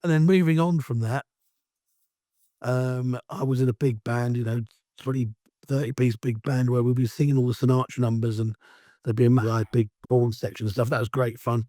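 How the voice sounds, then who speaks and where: A middle-aged man from Essex with an Essex accent and a croaky, hoarse voice from allergies, talking as a guest in a rambling, chatty way. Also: medium pitch, fairly even intonation, moderate pace, dry recording, clean studio sound. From Essex, England. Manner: rambling, chatty, self-styled loudmouth. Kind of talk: casual interview chat.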